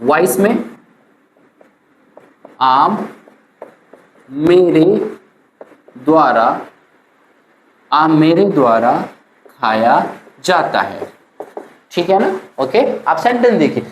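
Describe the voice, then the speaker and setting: An Indian woman teaching English grammar to students, drilling sentence patterns slowly and often checking they follow along. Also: medium pitch, a little mellow, echoey room, a little hiss or hum, low-quality recording. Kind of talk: classroom grammar lesson.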